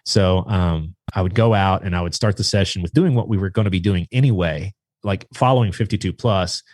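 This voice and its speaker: A man casually telling a long story about training his hunting dog, rambling and animated, acting out what people said. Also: sits low, a little fast, no room sound. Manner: rambling, animated retelling with acted-out quotes. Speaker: guest, duck hunter and dog trainer. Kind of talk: casual storytelling in a podcast chat.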